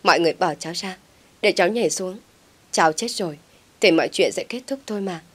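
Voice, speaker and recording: A melodramatic young village woman wails and pleads in a rush, tearful and scheming underneath, as a female storyteller puts her on. The voice sits a touch low. It is an audiobook drama read by one voice. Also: breathy edge. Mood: tearful pleading. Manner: sobbing, pleading fast.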